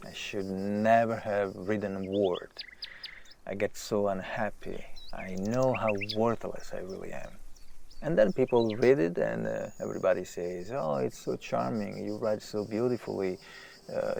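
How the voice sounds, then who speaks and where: A male actor with a lowish, unhurried voice delivers a naturalistic audio drama monologue as a famous writer who is anguished, self-doubting, restless, and self-deprecating. The mood is self-mocking and frustrated, the delivery intense and brooding, shifting from hushed to emphatic. Clear hiss and outdoor nature ambience sit in the background.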